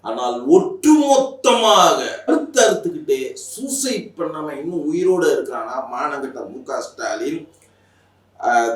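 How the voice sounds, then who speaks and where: A man's voice: on the high side, reverberant, far from the mic. A man giving a heated, mocking political rant, talking with angry emphasis. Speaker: political commentator.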